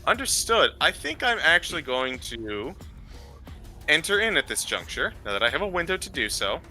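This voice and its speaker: Bright, lively man plotting his move. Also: a little high, soft background music, low-quality recording. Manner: deliberate, tactical questions. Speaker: player. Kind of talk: casual tabletop play.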